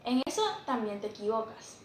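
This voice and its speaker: A woman's voice: on the high side, fairly quick, roomy sound, a little hiss or hum. A woman reading a scripted school debate, firm and corrective.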